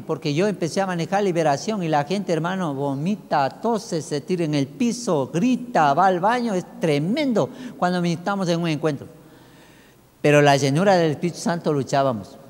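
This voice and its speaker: A man's voice: high voice, darkish tone. A man preaching a sermon as a pastor, emphatic and full of rhetorical questions. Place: church. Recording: echoey church hall.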